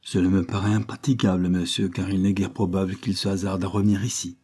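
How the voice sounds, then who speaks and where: A man's voice: low voice, level tone, quick pace, dark tone, slightly rough. A man reading aloud voices a wary, anxious woman servant who asks doubtful questions. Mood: wary questioning.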